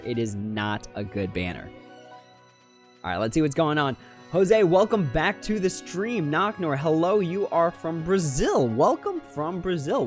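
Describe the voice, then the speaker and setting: A man with a slightly high voice talks into a livestream headset mic, picking apart game numbers out loud in a critical, analytical way. Faint music plays underneath. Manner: analytical, critical, thinking aloud. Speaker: mobile game streamer. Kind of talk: casual livestream commentary.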